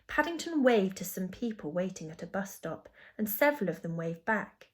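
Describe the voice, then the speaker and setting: A woman teacher reading a children's storybook aloud in an expressive storytelling manner. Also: mid-range voice, moderate pace.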